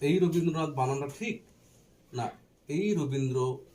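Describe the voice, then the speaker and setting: A man teaching a Bengali grammar lesson, slowly spelling out letters and asking and answering his own questions, with a faint Bangladeshi Bengali accent. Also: on the high side, a little mellow, a little hiss or hum. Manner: slow and deliberate while writing, spelling out letters.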